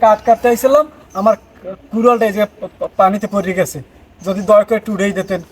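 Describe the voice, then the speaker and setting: A man's voice: high-pitched, quick pace, a little hiss or hum, natural voice. A man playing a flustered village woodcutter. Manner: flustered, stammering. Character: poor village woodcutter, simple and panicky. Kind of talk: comic folk-tale acting.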